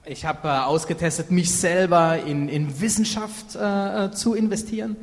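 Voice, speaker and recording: Male live interpreter, slightly high voice, halting with fillers, echoing hall. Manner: halting, many fillers and self-corrections. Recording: reverberant hall.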